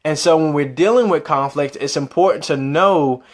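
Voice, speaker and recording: A man with a slightly high voice speaks as a motivational coach. He explains things conversationally, leans on repeated phrases for emphasis and often puts rhetorical questions straight to the listener. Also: normal speed.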